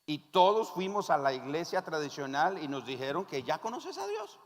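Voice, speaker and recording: A male pastor with a Nicaraguan accent preaching a sermon, telling stories in an animated way and leading the congregation in repeating phrases. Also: on the high side, moderate pace. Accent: Nicaraguan Spanish. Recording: reverberant church hall.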